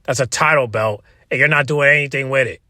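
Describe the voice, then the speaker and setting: A man delivering a casual, opinionated rant to viewers as a video creator, exasperated and repetitive, with halting restarts and frequent swearing. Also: medium pitch, bright, forceful tone, no room sound. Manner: swears freely. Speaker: wrestling commentary video creator.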